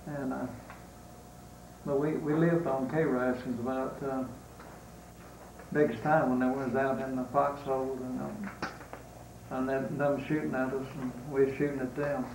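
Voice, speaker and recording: An elderly American man with a Southern accent, a war veteran remembering in an interview, halting with long pauses. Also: mid-range voice, little pitch movement, vocal fry, a little mellow. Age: 80s or older. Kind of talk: unscripted reminiscence in an interview. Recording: roomy, distant mic, faint noise.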